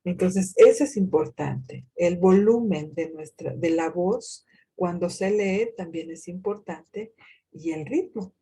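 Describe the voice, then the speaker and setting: A woman giving a university lecture in a deliberate way, posing rhetorical questions to herself and pausing often with hesitations. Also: on the low side, warm tone, husky. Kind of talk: recorded lecture on reading comprehension.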